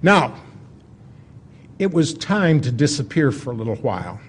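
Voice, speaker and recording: Speaking in a medium-pitched, husky, sing-song voice, a man delivers an informal history lecture as a storyteller. His manner is folksy and conversational, punctuated by dramatic pauses.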